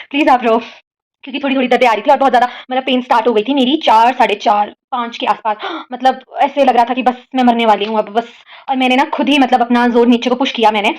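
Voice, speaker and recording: A woman's voice: fairly high pitch, darkish tone. A young woman vlogging a personal story in Hindi-English mix, rambling with fillers and emotional retellings. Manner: rambling, heavy use of fillers; emotional, retelling quoted pleas.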